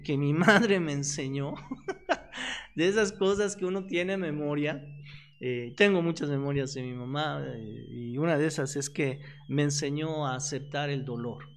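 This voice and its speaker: A man preaching on the radio with a Mexican Spanish accent, telling stories and acting out the voices of the people in them. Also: fairly high pitch. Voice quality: animated storyteller who acts out quoted voices. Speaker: pastor and radio host. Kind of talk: radio sermon. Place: radio studio.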